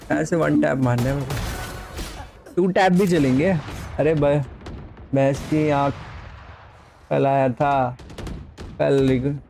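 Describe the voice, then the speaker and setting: Slow-talking streamer guy chatting w his viewers, teasing, throws in english bits, faint hiss behind. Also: on the high side, darkish tone. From India. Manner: chatty, teasing viewers, reading chat aloud; mixes in English phrases. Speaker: game streamer. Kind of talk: casual live-stream chat while gaming.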